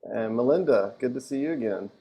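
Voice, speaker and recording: A man's voice: mid-range voice, expressive, brisk, warm tone, breathy edge. A man moderating a webinar over a video call, loose and conversational with light chuckles. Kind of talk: casual chat moderating a webinar.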